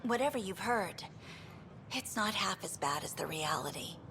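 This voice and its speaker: An exasperated station engineer. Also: female voice, medium pitch, lively intonation, normal speed, fairly bright tone, a little hiss or hum. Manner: venting, exasperated, earnest. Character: frustrated female station engineer.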